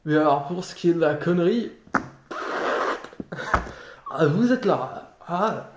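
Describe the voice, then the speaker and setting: A man improvising a theatrical tirade in a sardonic, mock-polite way, halting and repeating his words. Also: fairly high pitch, expressive. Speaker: amateur actor improvising a monologue. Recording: roomy echo, clearly noisy background, clicks.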